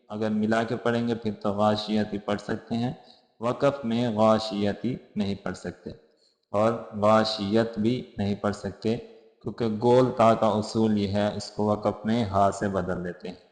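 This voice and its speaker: A man's voice: lowish voice, level tone, darkish tone. Man chanting verses in a reverberant room. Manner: chants verses slowly, then explains pronunciation rules briskly. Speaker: Quran recitation teacher. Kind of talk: tajweed lesson, slow chanted recitation with spoken explanation. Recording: roomy echo with long reverb.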